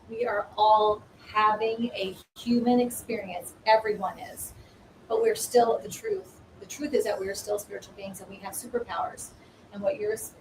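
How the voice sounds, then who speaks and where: A woman hosting a spiritual talk show, speaking in a warm, encouraging and preaching way. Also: mid-range voice, echoey room. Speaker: host. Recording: distant mic, faint noise.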